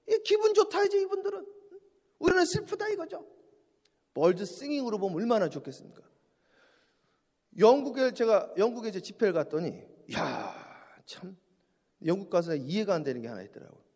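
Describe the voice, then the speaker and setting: High, lively-voiced preaching pastor. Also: male voice, long reverb tail. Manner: animated preaching with jokes and stories. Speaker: senior pastor. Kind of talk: early morning sermon. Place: church sanctuary.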